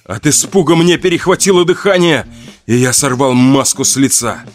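A man's voice: medium pitch, normal speed, soft background music. A man reading a first-person horror audiobook in a somber, tense storytelling manner. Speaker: audiobook narrator.

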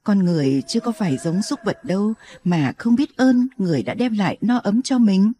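A woman reading an audiobook, voicing a very old, wary grandmother who talks slowly and solemnly. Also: mid-range voice, expressive, mellow, lightly acted. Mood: grave. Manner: slow, measured, solemn.

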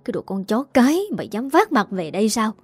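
A woman voicing a furious older village woman in a narrated story, hurling loud insults. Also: medium pitch, sing-song, a little fast, slightly rough, dry recording, clean studio sound. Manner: screaming insults.

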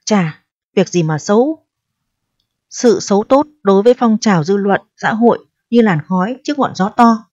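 A woman's voice: medium pitch, lively intonation, normal speed, darkish tone, dry recording, natural voice. A woman reading the lines of a much older married man who placates and lectures in a storybook reading. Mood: placating. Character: older married man, forty years her senior, persuasive. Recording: dull, dry audio.

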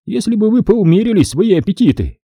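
A man's voice: sits high, very animated, brisk, dark tone, dry recording, clean studio sound, pitched above the performer's own voice, heavily acted. A man reading an audiobook voices a depraved, scheming middle-aged major who speaks with cold irony and condescension. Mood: mocking. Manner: ironic, condescending.

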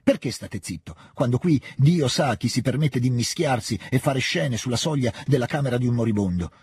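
A man reading aloud, voicing an angry proud elder princess who shouts in fury. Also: on the low side, sing-song, fairly quick, gravelly, a little hiss or hum. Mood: furious.

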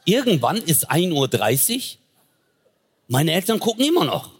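A man's voice: a little high, big pitch swings, moderate pace, slightly rough. A man doing stand-up comedy, telling a story and acting out voices of family and objects.

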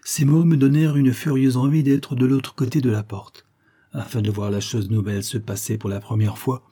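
Husky-voiced male audiobook narrator. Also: mid-range voice, mellow. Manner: measured, literary narration. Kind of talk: audiobook reading of a novel.

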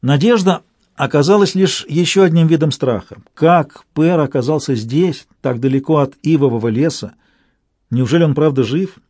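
A man reading a story aloud in measured, scripted narration. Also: fairly high pitch, darkish tone, no room sound. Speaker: audiobook reader.

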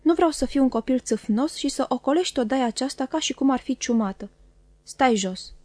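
A woman's voice: sits high, expressive, a little mellow, no echo. A stern, grave stepfather, read by a woman. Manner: slow, grave, commanding. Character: stern, cold middle-aged man, harsh stepfather.

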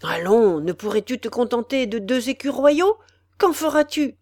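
A woman's voice: fairly high pitch, big pitch swings, moderate pace, darkish tone, dry recording, voice pushed up. A woman doing a greedy haggling executioner.

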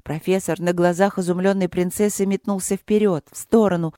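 Audiobook narrator, measured scripted reading, mid-pitched voice, dry close mic. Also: fairly even intonation, dark tone, dry recording.

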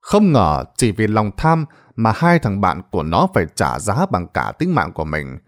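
In a lowish voice at normal speed, a man narrates a ghost story with dramatic, expressive storytelling.

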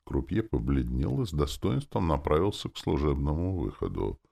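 Deep, gravelly male audiobook narrator. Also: sing-song, moderate pace, warm tone. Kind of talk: first-person audiobook reading.

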